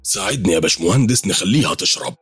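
A man voicing a calm, polite older imam with an Egyptian accent. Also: deep voice, racing, husky, no room sound, heavily acted. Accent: Egyptian Arabic.

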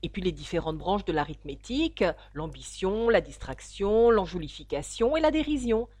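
A woman voicing a sighing, mournful sea creature in a storybook reading, with a lively, plaintive lilt. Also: medium pitch, moderate pace, no room sound.

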